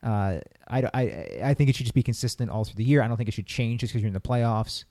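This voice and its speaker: A man's voice: mid-range voice, fast, mellow, dry recording, clean studio sound. A man co-hosting a casual sports talk podcast, earnest and opinionated, often restarting his sentences. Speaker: podcast co-host.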